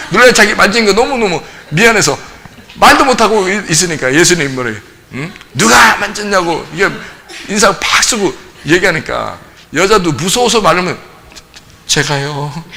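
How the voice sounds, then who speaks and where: Male pastor, gravelly, bright and sharp, animated teaching, acts out scenes, quizzes the group. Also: a little high, a little hiss or hum. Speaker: pastor leading Bible study. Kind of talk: casual Bible study teaching. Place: church.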